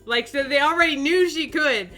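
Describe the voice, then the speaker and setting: A woman's voice: high-pitched, moderate pace, sharp tone, soft background music. A young woman hosting a casual chat, reacting to her own old art with lots of giggles and disbelieving exclamations. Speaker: YouTube artist host.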